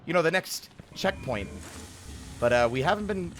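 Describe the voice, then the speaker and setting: A man's voice: fairly high pitch, lively intonation, moderate pace, fairly bright tone, slight background noise. A man live streaming a game, chatting informally with his viewers and often interrupting himself. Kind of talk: casual live stream chat while playing.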